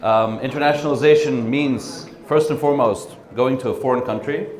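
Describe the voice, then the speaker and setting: A middle-aged man giving a training lecture, relaxed, with frequent ums and tag questions. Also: medium pitch, fairly quick. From born in Russia, raised in the United States and the Netherlands. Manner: relaxed, frequent ums and uhs, asks "right?" often. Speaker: training speaker. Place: conference room. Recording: echoey room.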